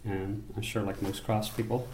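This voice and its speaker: Northern Irish craftsman, low steady voice, roomy sound with faint ambience; unhurried, thoughtful interview talk. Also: a little hiss or hum. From Belfast, Northern Ireland. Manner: unhurried, thoughtful, with frequent restarts. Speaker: basket maker. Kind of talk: interview monologue. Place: rural workshop or home.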